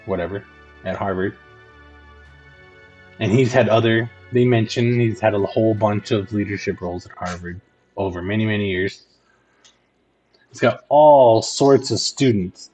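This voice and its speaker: A man's voice: on the low side, darkish tone. A man hosting a podcast, giving casual rambling commentary full of "like" fillers. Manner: rambling, conversational, with frequent "like" fillers. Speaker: podcast host.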